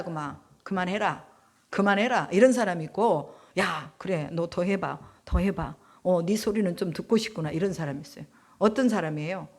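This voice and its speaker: A middle-aged woman missionary preaches in an easy, conversational way. She keeps asking her listeners questions and answers them herself. She often acts out prayers in the voices of the people she talks about. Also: medium pitch. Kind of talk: sermon.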